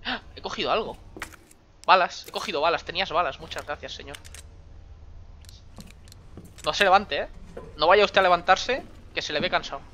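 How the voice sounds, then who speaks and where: A man's voice: high-pitched, normal speed, long pauses, bright, forceful tone, slight background noise. A young man from Spain giving sarcastic running commentary on a horror game, breaking into sudden screams. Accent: Spain Spanish. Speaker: gaming streamer.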